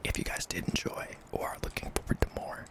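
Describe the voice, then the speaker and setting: A man narrating a scary story in a hushed, breathy ASMR whisper, deliberate and broken into short phrases. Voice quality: breathy, mostly unvoiced whisper with some creak.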